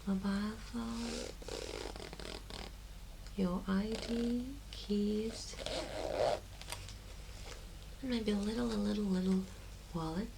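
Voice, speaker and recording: A woman speaking in a soft, breathy, often soft-spoken voice, doing an ASMR role-play as a personal shop assistant with gentle, hesitant phrasing. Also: mid-range voice. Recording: clear background noise.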